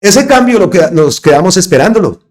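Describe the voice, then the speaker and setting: A man's voice: sits high, big pitch swings, fairly quick. Emphatic man giving commentary. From Colombia. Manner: emphatic, repeats phrases for stress. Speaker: host of an online political channel. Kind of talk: political commentary monologue.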